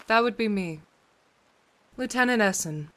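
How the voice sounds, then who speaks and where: Actress as bright, sardonic Lieutenant Essen. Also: female voice, medium pitch, animated, unhurried. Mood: wry, brisk. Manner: sardonic, assertive. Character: wry, no-nonsense female police lieutenant. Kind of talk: audio drama acting.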